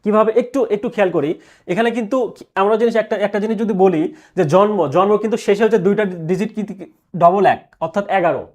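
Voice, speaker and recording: A male teacher giving an exam prep lecture, asking questions and answering them himself, repeating key answers slowly. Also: sits high, a little mellow.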